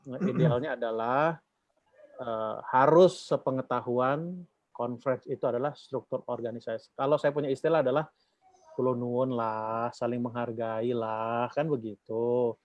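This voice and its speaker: A man's voice: medium pitch, steady tone, moderate pace, no echo. A man from the Batak region giving an informal talk to a church group, rambling with fillers and asking questions for the group to finish. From Batak, North Sumatra. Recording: dull, dry lo-fi recording.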